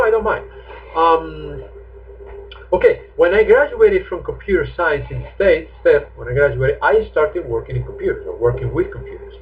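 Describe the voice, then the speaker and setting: A man's voice: high-pitched, slight background noise. A man, a chatty, joking English teacher answering students' questions in a live online class. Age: 50s. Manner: chatty and jokey. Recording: tinny phone-like stream audio.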